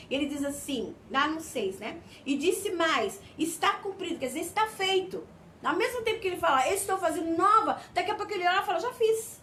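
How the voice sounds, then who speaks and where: A woman's voice: very high voice, a bit bright, slight background noise. A Brazilian woman preaching a fervent sermon, often calling out "Amém?" to her listeners. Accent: Brazilian Portuguese.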